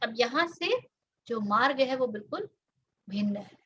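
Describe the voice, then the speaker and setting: A woman's voice: on the high side, lively intonation, a little slow, fairly bright tone, slightly rough. A woman with an Indian accent giving a reflective spiritual talk, mixing Hindi and English and drawing out her English phrases. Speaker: spiritual teacher. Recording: dull lo-fi audio.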